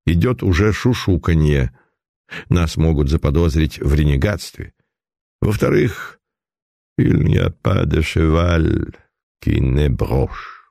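A man doing a nervous military officer, deep and dark. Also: expressive, slow pace, gravelly, long pauses, no room sound, studio quality, exaggerated voice. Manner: nervous and insistent. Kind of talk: audiobook role reading.

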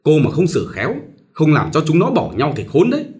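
A man playing a grown son addressing his mother with polite deference, voice pitched up and lively. He sounds concerned and careful, a storybook family member. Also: a little fast. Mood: worried.

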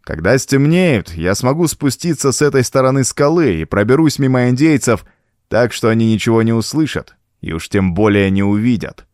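A man's voice: medium pitch, animated, normal speed, a little mellow, dry recording, clean studio sound, lightly acted. A man voicing a scornful, cunning male woodsman in an audiobook, with a taunting, contemptuous manner. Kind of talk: audiobook character voice.

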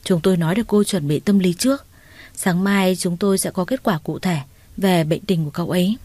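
A serious doctor delivers his words in a grave, formal way, as a woman reads him in a storybook narration. The tone is mellow and warm. The sound is dry and close-miked. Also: fairly low pitch, brisk, no echo, natural voice.

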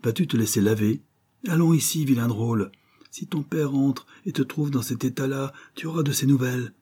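A man voicing a stout, red-faced boatman's wife, worried and talkative, raising his pitch for her. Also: normal speed, dark tone, husky, close to an everyday voice. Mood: scolding. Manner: fretful, talkative, pleading. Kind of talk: audiobook character reading.

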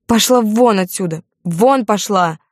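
A woman reading an audiobook, voicing a jealous, hysterical young wife in a raised, shrill voice. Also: unhurried, dry recording, clean studio sound, close to an everyday voice. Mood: furious.

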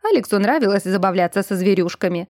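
A woman reading the part of a haughty, sharp-tongued rich old widow who gives curt, scornful retorts. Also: medium pitch, expressive, fast, dry recording, clean studio sound, lightly acted.

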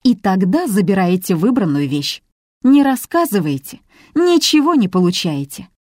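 A woman's voice: mid-range voice, sing-song, moderate pace, darkish tone, dry recording, clean studio sound. A woman voicing a hot-tempered female heir who lectures the others sharply. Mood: flaring, stern.

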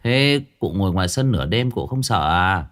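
An everyday middle-aged village man speaks plainly and asks questions, voiced by the storyteller himself. His pitch moves in a lively way. There is nothing theatrical about him. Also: moderate pace. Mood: teasing. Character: ordinary middle-aged village man, teasing then wary.

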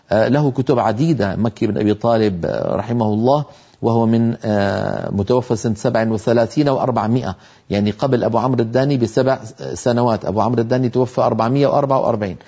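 Man, tajweed teacher, warm mellow tone, patient explanation, slow sounded-out syllables, slightly dull lo-fi recording. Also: medium pitch, fairly even intonation, slightly rough. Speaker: Quran recitation teacher. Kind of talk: tajweed lesson, explaining pronunciation.

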